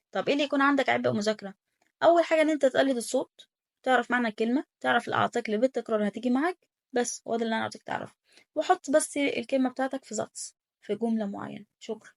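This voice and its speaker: Fast-talking Egyptian woman with gravelly fry. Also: fairly high pitch, no echo, studio quality. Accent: Egyptian Arabic. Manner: rapid, repetitive coaching, drills pronunciation aloud. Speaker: German teacher. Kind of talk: casual online language lesson.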